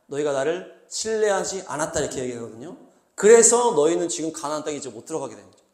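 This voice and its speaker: A male pastor preaching a sermon, acting out angry outbursts and questions in an animated way. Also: a little high, reverberant. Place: small church hall.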